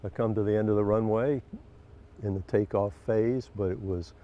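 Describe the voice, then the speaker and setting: An older man giving halting, measured, formally worded eyewitness answers in an interview. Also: fairly low pitch, fairly even intonation. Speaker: flight instructor and eyewitness. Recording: dull lo-fi field audio, outdoor noise.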